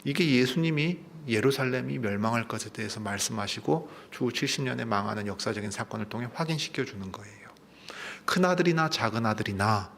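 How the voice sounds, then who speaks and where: A man's voice: medium pitch, fairly bright tone, a little hiss or hum. A man, a pastor, preaching a Sunday sermon, retelling a parable with questions to the congregation. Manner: storytelling preaching with asides to the congregation.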